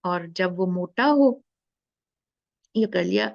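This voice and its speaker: A woman teaches an online class at an unhurried pace, with a gravelly edge to her voice. She patiently repeats sounds to demonstrate them. The audio is dry and a little dull, as from a video call. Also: on the low side, darkish tone, no room sound. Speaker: tajweed teacher.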